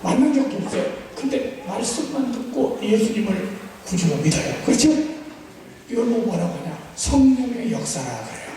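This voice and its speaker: A man's voice: very high voice, lively intonation, normal speed, warm tone. A man preaching as a pastor at a church seminar. He acts out little exchanges and drills the congregation with call-and-response practice. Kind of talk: sermon seminar. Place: church sanctuary. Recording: echoey church hall, voice far from mic, faint noise.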